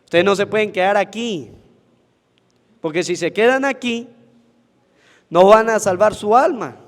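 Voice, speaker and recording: A priest preaches at Mass in a high, carrying voice. He keeps asking the congregation questions and answering them himself. The long reverb of the church rings behind him. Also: unhurried. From Venezuela. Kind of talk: sermon at Mass.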